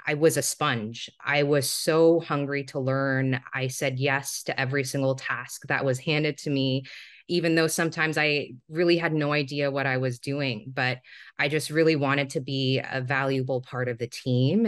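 A woman in her thirties from Singapore, a podcast guest calmly telling her life story over a video call. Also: extremely low pitch, moderate pace, no echo, studio quality. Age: 30s. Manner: calm, reflective storytelling. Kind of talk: remote interview.

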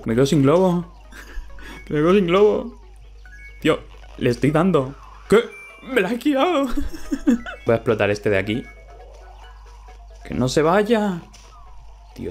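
A young man from Spain with a Spanish accent talks through a game in a quick, excitable, laughing way. His voice sits at a middling pitch. Soft music plays faintly behind him. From Valencian Community, Spain. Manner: excitable, laughs often, chatty. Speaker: gaming YouTuber. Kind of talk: casual let's-play commentary.

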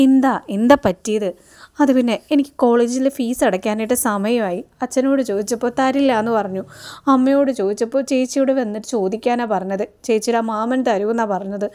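A woman's voice: a little high, brisk, a little mellow, lightly acted. A woman voicing a timid, tearful young college girl explaining her trouble. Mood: plaintive. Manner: plaintive.

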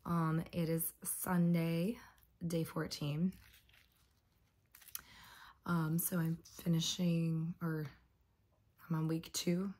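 A woman vlogging at home in a casual, rambling way, hoarse and coughing from bronchitis. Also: low voice, flat delivery, drawn-out words, long pauses, a little mellow. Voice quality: husky, lost voice. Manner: chatty, rambling with fillers. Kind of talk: casual vlog chat.

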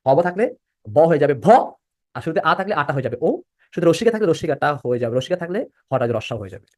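A man's voice: fairly high pitch, big pitch swings, racing, dry recording. A young man teaching a live online class. He repeats each rule and keeps quizzing his students with questions. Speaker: admission-prep teacher.

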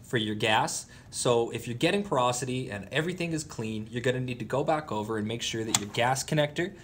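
A man in a workshop explaining welding problems in a relaxed way, with small fillers. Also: mid-range voice, fairly quick, noisy background. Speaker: welding instructor. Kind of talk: instructional demonstration.

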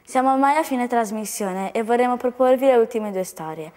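A woman's voice: on the high side, fairly quick, a little mellow. Teenage girl anchor in a reverberant room. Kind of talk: school news anchoring.

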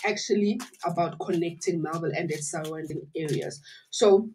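A woman's voice: on the low side, moderate pace, darkish tone, slight background noise. A young South African woman with a wheezy voice, hosting a chatty live community radio show at a studio microphone. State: wheezy from asthma. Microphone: studio microphone on a desk stand.

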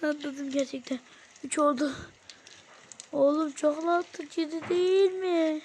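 A high-pitched woman hosts a reaction challenge vlog. She chats excitedly with her viewers, breaking into exclamations and counting aloud. A constant hiss of background noise runs under the recording. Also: unhurried. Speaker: video creator.

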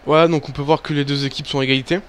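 A man giving casual, excitable commentary over a football video game, swearing and cheering at his players. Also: fairly high pitch, very fast, slight background noise. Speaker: gaming YouTuber. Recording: faint background music.

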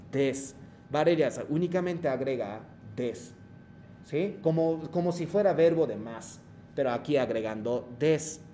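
A man's voice: mid-range voice, warm tone, a little hiss or hum. A man teaching Japanese in Spanish, explaining patiently and checking in often with the class. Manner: mixes Japanese phrases into Spanish. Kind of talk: online language lesson.

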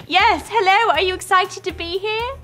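A woman's voice: very high-pitched, normal speed, sharp tone. A young woman playing a chatty, over-polite, foul-mouthed noblewoman vlogger in a comedy sketch. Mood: cheerful. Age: young adult. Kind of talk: parody vlog sketch, scripted comedy. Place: indoor studio, seated before camera.

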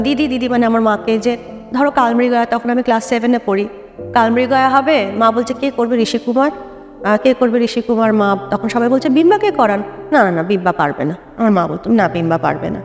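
A middle-aged woman with a Bengali accent, reminiscing in a relaxed talk-show conversation with many hesitations and restarts. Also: sits high, long reverb tail. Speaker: guest dancer.

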